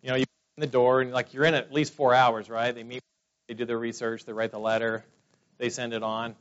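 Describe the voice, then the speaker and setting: Speaking fairly quickly with a mid-range voice and flat delivery, a forties-aged Californian gives casual personal testimony at a business meeting. He wanders through his stories, chatty and leaning on fillers, in a dull lo-fi recording.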